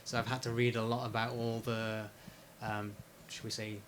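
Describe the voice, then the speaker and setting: A man in a casual interview, talking about his research and book in a hesitant way, with many pauses and restarts. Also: mid-range voice, flat delivery, a bit bright, a little hiss or hum. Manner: hesitant, lots of fillers and restarts. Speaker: interviewee, PhD researcher and author.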